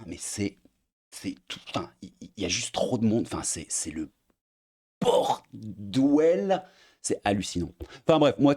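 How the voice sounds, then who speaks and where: A husky, lowish and somewhat mellow voice belongs to a young Belgian man with a Belgian French accent. He streams a casual, crude rant to camera, mocking freely and leaning on fillers, captured through a desk mic at his editing setup.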